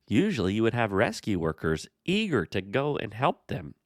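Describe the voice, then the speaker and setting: A man hosting a Bible study, explaining the passage in a measured way and speaking to the character directly. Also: on the low side, huge pitch swings, dry recording, clean studio sound. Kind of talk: scripture commentary dialogue.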